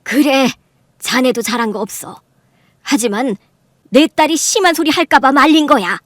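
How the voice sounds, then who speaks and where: A woman's voice: sits high, normal speed, no echo, clean studio sound, natural voice. A woman playing a stern scolding mother. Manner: scolding, commanding.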